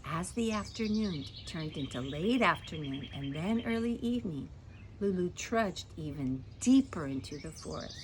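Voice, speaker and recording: A woman's voice: on the low side, expressive, moderate pace, a little hiss or hum. A woman reading a children's story aloud, playful, stretching dramatic words and asking the listener questions.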